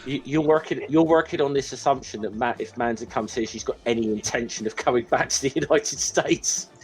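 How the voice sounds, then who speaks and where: A man in his forties with a broad Scottish accent, chatting casually as a panellist and often restarting his phrases in a halting way. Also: medium pitch, rough recording. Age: 40s. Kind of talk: casual banter.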